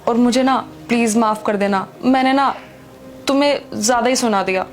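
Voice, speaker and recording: A woman's voice: a little high, normal speed, soft background music, close to an everyday voice. A woman acting a pregnant married woman secretly in love with another man, pleading and defensive. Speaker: actor. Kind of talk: Hindi web skit acting.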